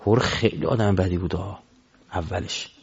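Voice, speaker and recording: A man preaching a religious sermon into a microphone, swinging between loud exhortation and low murmurs. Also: husky. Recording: dull lo-fi recording.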